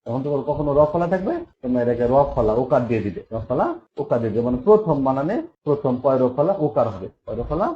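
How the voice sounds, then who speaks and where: A man teaching a pronunciation lesson to schoolchildren, explaining step by step and repeating words slowly to drill them. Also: medium pitch, expressive. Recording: slightly dull lo-fi recording with faint noise.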